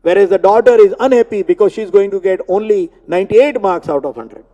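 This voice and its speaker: A man giving a spiritual discourse on scripture, explaining Sanskrit words slowly and repeating terms. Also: sits high, dark tone, dull audio. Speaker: Gita teacher. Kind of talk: religious discourse. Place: temple hall. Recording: long hall reverb.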